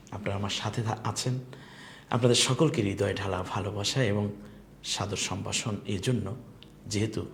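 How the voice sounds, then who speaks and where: A man's voice: fairly low pitch, gravelly, slight background noise. A man teaching an online lesson on Quran recitation, patiently modelling each letter sound for the learner to repeat.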